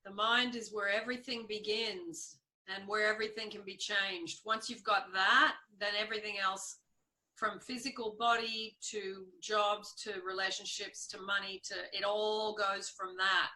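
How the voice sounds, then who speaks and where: A woman's voice: medium pitch, steady tone, moderate pace, pushed and bright, poor audio. A woman hosting a casual interview, encouraging her guest and agreeing often. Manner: encouraging, frequent "yeah" agreement. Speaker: interview host.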